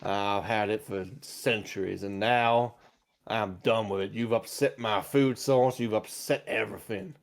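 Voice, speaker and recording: A man's voice: fairly low pitch, fairly even intonation, measured pace. A man voicing a centuries-old female dragon, territorial and vengeful, with menacing declarations in a tabletop game. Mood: angry, fed up.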